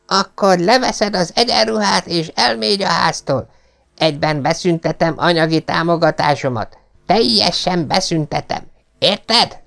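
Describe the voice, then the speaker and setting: A man's voice: on the high side, animated, gravelly, pitched above the performer's own voice. A man doing a stern old lord scolding his son. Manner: scolding, commanding.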